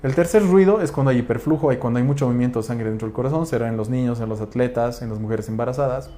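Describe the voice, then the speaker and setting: A man lectures on physiology in a medium-pitched, warm voice, speaking rapid-fire. He explains by posing rhetorical questions and checking in with tag questions.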